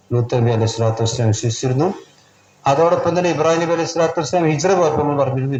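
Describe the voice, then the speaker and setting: A man from Kerala with a Malabar accent teaching a Quran class in a home. He stretches out the verses slowly when he recites them, then explains them in quicker speech. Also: mid-range voice, darkish tone, slight background noise. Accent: Malabar Malayalam. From Kerala, India. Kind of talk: Quran recitation and tafsir lesson. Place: class held in a private home. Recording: roomy, dull lo-fi recording.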